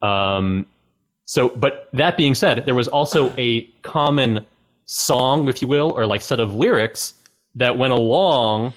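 A man's voice: medium pitch, slow, low-quality recording. A man co-hosting a podcast, explaining a story in casual, rambling chat. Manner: rambling, many fillers and restarts. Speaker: podcast co-host.

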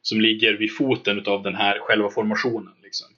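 Bright-voiced male game master, lo-fi mic. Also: fairly low pitch. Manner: relaxed, describes scenes with filler words. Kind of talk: narrating a tabletop game. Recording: dull lo-fi mic.

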